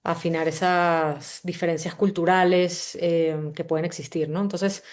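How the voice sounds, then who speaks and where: A woman's voice: fairly low pitch, steady tone, a little slow, a little mellow. A woman from Venezuela with a Venezuelan accent hosts a live online book-summary session, talking in a welcoming, conversational way and often restarting her phrases. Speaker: host and company CEO.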